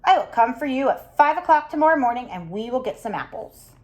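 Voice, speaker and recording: A woman's voice: high voice, animated, brisk, a little mellow. A woman voicing a sly, hungry male wolf in a read-aloud storybook, with a wheedling sing-song manner. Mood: coaxing.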